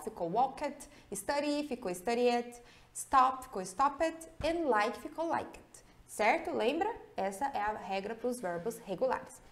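A woman teaching English grammar in an online video lesson, speaking with a Brazilian Portuguese accent. Her voice sits a little high, and she keeps the pace lively. She often turns to the viewer with a question as she explains.

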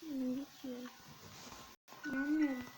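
A woman playing a horror game and commenting casually, jumpy and exclaiming, counting under her breath to stay calm. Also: sits high, slow pace, over music, poor audio. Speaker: gamer streamer.

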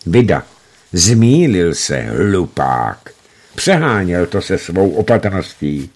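A man reading the part of an excitable young officer who shouts eagerly into a telephone. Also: sits low. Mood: musing.

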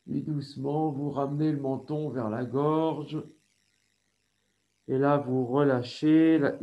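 A man with a French accent leading a yoga class over a video call, giving slow, calm instructions with breathing cues. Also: mid-range voice. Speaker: yoga teacher.

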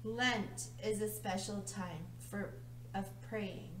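A middle-aged woman leading a children's church lesson, reading a story slowly, clearly and soothingly. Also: mid-range voice. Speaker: children's ministry leader. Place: church room with a round table, indoors. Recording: echoey room, faint hum.

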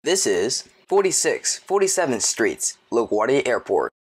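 A man's voice: medium pitch, sing-song, measured pace, slightly rough, dry recording. A man reading scripted subway station announcements in clipped, formal phrases, like an automated system.

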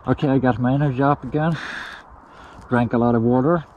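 A man talking through a gas mask outdoors on a hillside, narrating his adventure in slow, halting self-talk. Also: mid-range voice, steady tone, narrow, tinny audio, soft background music.

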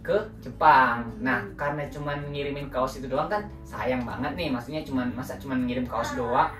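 A young Indonesian man hosts a casual home vlog from a small room indoors, chatting with viewers and often calling them guys. His mid-range voice has fairly even intonation and a normal pace. The sound is roomy and distant, with background music.

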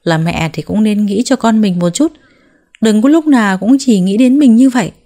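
A woman voicing a harsh, domineering older mother-in-law who talks loud and scolding, with a mellow tone. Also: medium pitch, brisk, close to an everyday voice.

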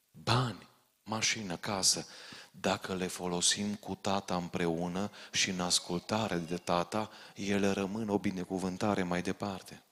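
Male preacher with a low, deep voice, urgent and warning, recorded in a reverberant church hall. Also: a bit bright. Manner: urgent, direct warnings to the congregation. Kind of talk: sermon.

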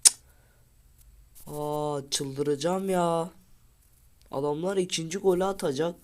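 Excitable man reacting to his game. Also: mid-range voice, unhurried. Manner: excitable, frustrated outbursts at the game; urges and pleads at his players. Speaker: gaming video creator. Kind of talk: casual gameplay commentary.

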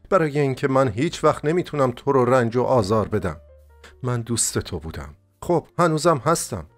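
A lovesick young dreamer, read by a male narrator, speaks urgently with a lively, rising and falling voice. His pleas are impassioned and earnest. Faint music plays behind. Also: mid-range voice, pitched above the performer's own voice, natural voice.

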